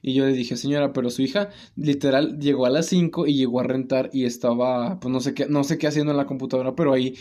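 A young man with a Mexican Spanish accent telling a story in casual chat, slangy and animated, laughing often. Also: medium pitch, fast, few pauses.

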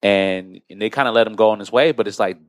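An American man with a low voice hosts a podcast, explaining and recounting things conversationally and fast. The recording is dry and close, with no room sound.

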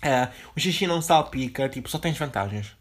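A young man with a European Portuguese accent, hosting a casual solo podcast in a rambling, chatty, slangy way, dizzy and low on energy after just waking up. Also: lively intonation, a little fast. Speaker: podcast host.

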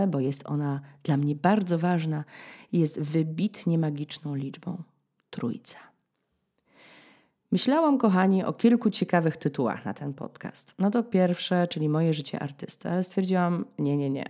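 A woman in her thirties from Poland hosting a podcast, telling a story in a dramatic, ironic way, with sudden high-pitched bursts as she acts out scenes. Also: dark tone. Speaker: podcast host. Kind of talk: storytelling monologue.

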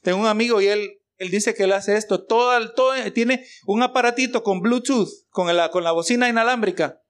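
A man's voice: sits high, fairly quick. A man preaching a sermon as pastor, mixing rhetorical questions and exclamations of praise for the congregation.

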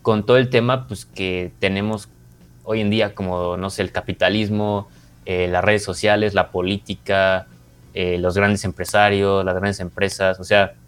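A man's voice: low-pitched, flat delivery, moderate pace, clear, resonant tone. A man with a Mexican accent co-hosting a podcast, giving a casual, informal review and often rephrasing as he explains. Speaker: podcast co-host and series reviewer.

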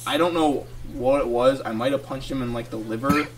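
A podcast co-host tells a story casually, animated and laughing through his own tale. His voice is medium in pitch and a little fast, and he sounds far from the mic.

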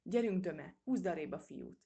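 A woman's voice: fairly low pitch, expressive, vocal fry, dark tone, slightly rough, full character voice. A woman voicing a spirited young male mouse adventurer who gives orders eagerly and impatiently.

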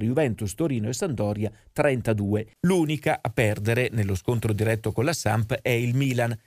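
A man's voice: medium pitch, darkish tone, no room sound, clean studio sound. A man narrating scripted football history in a dramatic storytelling manner.

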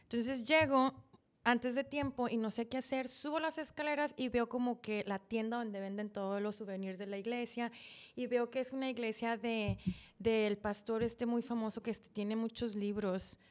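Woman telling a personal story, slightly high. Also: normal speed. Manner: animated, laughs often, retells dialogue. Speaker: podcast guest.

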